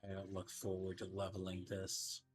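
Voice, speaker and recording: A man's voice: low voice, monotone, moderate pace, husky. A man giving casual game commentary, rambling and thinking aloud as he speculates. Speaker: gaming streamer. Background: game music.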